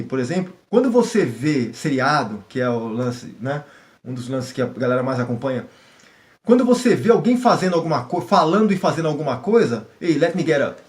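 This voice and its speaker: A man's voice: a little high, darkish tone. A middle-aged Brazilian man with a Brazilian Portuguese accent who talks casually in a language-learning vlog, slipping English words into his examples and acting out small scenes. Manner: chatty, switches into English for examples, acts out little scenes.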